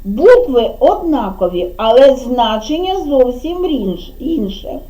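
A woman teaching a preschool class, with a gentle, drawn-out sing-song manner and a Ukrainian accent. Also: a little high, sing-song, rough recording. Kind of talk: preschool lesson with children. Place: kindergarten classroom.

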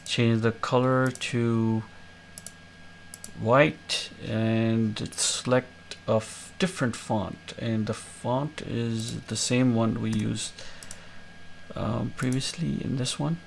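A man with a gravelly, creaky voice walks through a screen-recorded coding tutorial step by step. He talks in a relaxed way with lots of "uh" and "um" fillers. Faint noise and keyboard typing sit behind him. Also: medium pitch, slow pace. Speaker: tutorial host.

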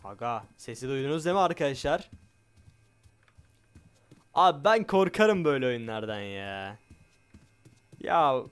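A man giving excitable let's play commentary on a game, loud and jumpy, swearing often and talking straight to his viewers. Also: medium pitch, a little slow, pauses often, clear, resonant tone. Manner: loud, shouts a lot. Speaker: gaming YouTuber.

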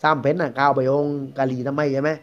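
A man's voice: medium pitch, monotone, quick pace. A man with a Southern Thai accent telling a ghost story in a chatty, rambling, conversational way. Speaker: guest storyteller. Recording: dull lo-fi recording.

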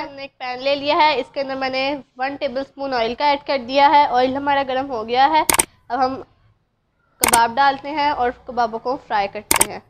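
A woman with a Pakistani Urdu accent narrates a home recipe step by step, talking straight to her viewers. Her voice sits high and her manner stays calm and instructive. The recording is slightly muffled, with a faint hum of the room behind her. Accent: Urdu-speaking Pakistani. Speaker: cooking channel host. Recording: dull lo-fi sound, faint room ambience.

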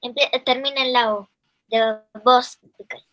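Very high, bright, slow-speaking woman. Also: steady tone. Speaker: student in an online class.

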